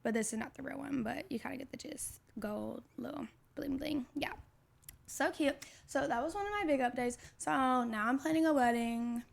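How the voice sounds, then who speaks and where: A woman's voice: high-pitched, moderate pace, gravelly. A woman in her twenties co-hosting a podcast, telling a story in casual chat with lots of "like" fillers. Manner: chatty, storytelling with many "like" fillers. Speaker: podcast co-host.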